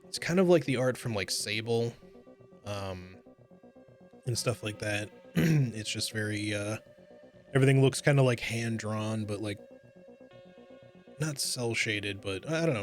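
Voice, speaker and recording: A man giving casual, rambling, hedging commentary as he streams a video game. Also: on the low side.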